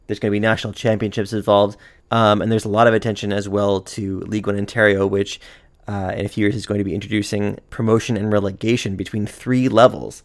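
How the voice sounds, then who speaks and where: A man hosts a podcast in an upbeat, chatty way, with plenty of casual fillers. His voice sits somewhat low. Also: flat delivery, fast talker. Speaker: podcast host. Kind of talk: podcast intro and interview.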